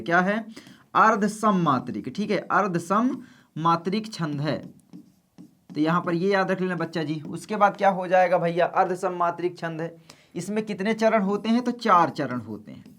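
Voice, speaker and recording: A man teaching an exam-prep lesson in a calm, slow, soft-spoken way, repeating key points and speaking to his students kindly. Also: sits high.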